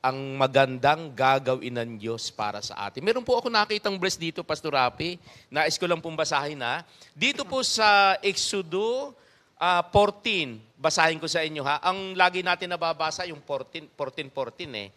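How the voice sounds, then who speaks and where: A male pastor delivers an easygoing sermon, his voice sitting slightly high. He chuckles often and keeps throwing rhetorical questions to the congregation. His delivery stays animated and talky. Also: normal speed. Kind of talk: conversational sermon.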